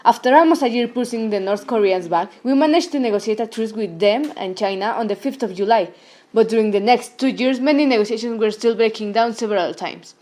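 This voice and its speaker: A woman narrates a scripted news report. Her voice is pitched a little above the usual for women. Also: a little fast, dark tone.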